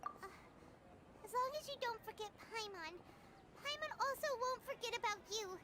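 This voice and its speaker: A woman voicing a tiny, chirpy, childlike floating companion in a dubbed game, with a squeaky, bouncy voice. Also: normal speed, noisy background. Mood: sweet.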